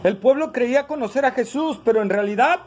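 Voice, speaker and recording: High-voiced male pastor preaching. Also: a little fast, slight background noise, poor audio. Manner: rhetorical, frequent "¿verdad?" tag questions. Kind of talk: sermon.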